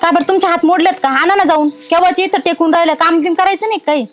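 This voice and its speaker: A woman's voice: very high-pitched, fairly even intonation, fast talker. A young woman playing a harsh daughter-in-law who scolds her elderly in-laws with contempt. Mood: scornful.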